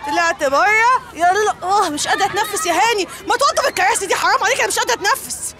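An actress playing a scrappy young party entertainer who complains in a whiny, combative way with an Egyptian accent in a comedy series. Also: female voice, very high voice, very fast, a crowd in the background, background noise. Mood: whiny, exasperated. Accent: Egyptian Arabic. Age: young adult.

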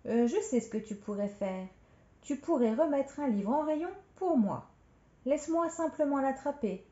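A woman voicing a kind, small female library director with a gentle, high voice, in a storybook reading recorded in a roomy space on a dull, lo-fi recording. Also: expressive, normal speed.

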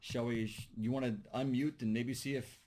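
Speaking at a normal speed, a man with a steady, slightly mellow mid-range voice leads an online class by video call. He jokes casually with students and thinks aloud, with slight background noise on his computer mic.

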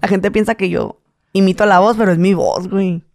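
A man in his late twenties from Tijuana with a northern Mexican accent, a guest in a casual interview, telling animated stories and slipping into high voices to mimic people. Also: brisk, vocal fry. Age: late 20s.

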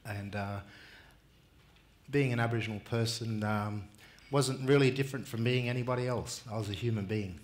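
At medium pitch, a middle-aged Australian man delivers a laid-back talk at a conference, wearing a headset mic in a big indoor hall. He takes his time, speaks plainly, and leans on lots of filler words.

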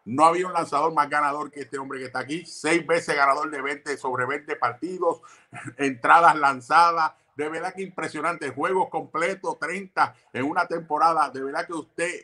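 A man's voice: fairly high pitch, moderate pace, bright, forceful tone. A man hosting a casual podcast interview, effusive and admiring toward his guest. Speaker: host.

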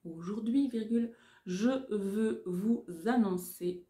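A woman, around her forties, dictating like a teacher, deliberately and carefully articulated, phrase by phrase. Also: medium pitch, dark tone, echoey room. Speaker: French teacher giving dictation. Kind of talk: dictating, reading phrase by phrase with punctuation spoken aloud. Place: small furnished room indoors.

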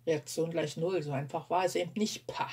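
A woman reading a novel aloud in a lively, expressive way. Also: low voice, a little fast, breathy edge. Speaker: audiobook reader.

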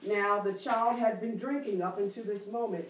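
A middle-aged woman leads a Bible study as a preacher, drawing out key words and calling on the room to respond, her mid-range voice fairly even in intonation. She's filmed by a far-off camera with no microphone in a church library room with bookshelves, so the room echoes.

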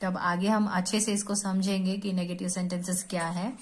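A woman teacher with an Indian English accent explaining a textbook lesson to children, mixing Hindi with slowly read-out English and repeating each word. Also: on the low side, level tone.

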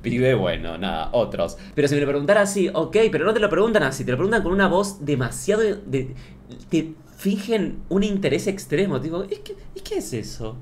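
Argentine male comic vlogger, rapid sarcastic delivery, exaggerated storytelling, faint noise behind. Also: on the high side, very animated. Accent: Argentine Spanish. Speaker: comedy youtuber. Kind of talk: comedic rant to camera.

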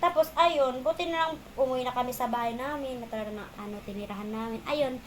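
A woman telling her own story in a casual, rambling way, often halting and restarting. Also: sits high, a little hiss or hum, rough recording.

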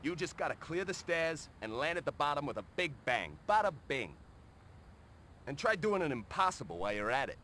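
An actor playing a greedy, pushy worker in a video game, brash and wisecracking. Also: male voice, fairly high pitch, very animated, a little fast, bright, forceful tone, a little hiss or hum. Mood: brash scheming. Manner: brash wisecracking streetwise talk. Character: greedy blue-collar male worker, pushy schemer.

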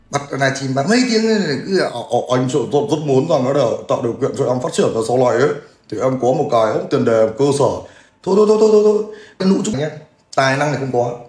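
A man, ranting crudely and mockingly in a livestream. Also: fairly high pitch. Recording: echoey room with faint music.

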